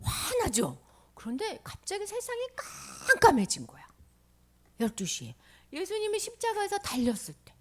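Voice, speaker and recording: A woman telling a Bible story to children in an animated way, often dropping to a whisper. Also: very high voice, moderate pace. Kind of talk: children's sermon.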